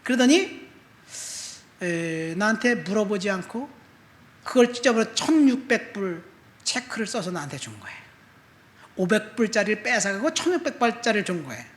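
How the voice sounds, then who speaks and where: A man's voice: sits high, very animated, moderate pace, pauses often. Storytelling male pastor in an echoey church. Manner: storytelling, swinging between soft asides and loud emphatic appeals. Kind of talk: sermon with personal testimony. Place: church sanctuary.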